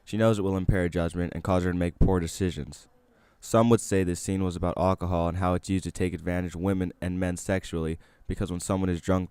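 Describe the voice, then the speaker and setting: A man narrates a scripted video essay. His voice is deep and clean, with very little room sound around it. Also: darkish tone, clear, resonant tone, dry recording.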